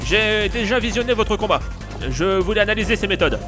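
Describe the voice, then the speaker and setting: A chatty, clumsy robot sidekick, voiced by a man speaks in a high, eager voice that leaps up and down. He is excitable and a little scattered. Game music hums behind him. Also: fairly quick. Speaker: fan voice actor for the robot sidekick.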